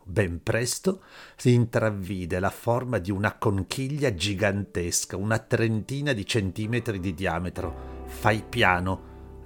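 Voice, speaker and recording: A man reading a story aloud in a calm, measured audiobook narration over faint music. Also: on the low side. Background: faint background music.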